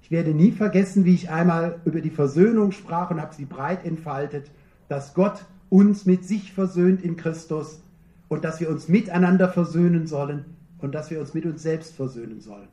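A man preaching in a high, mellow voice. He speaks earnestly and emphatically, drawing out and repeating the phrases he wants to land. The sound carries the echo of a large room. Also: moderate pace, dull audio. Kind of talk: sermon.

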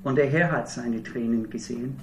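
A man's voice: mid-range voice, moderate pace, slight background noise. A middle-aged man from Minnesota preaching a sermon in German with an American accent, telling stories earnestly with wry humor. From Minnesota, USA. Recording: roomy hall heard from a distance.

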